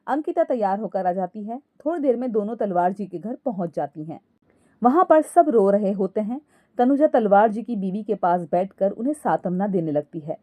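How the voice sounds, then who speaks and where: A woman storyteller narrating a scripted moral story in a calm way, addressing listeners as friends. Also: medium pitch, normal speed, dry recording.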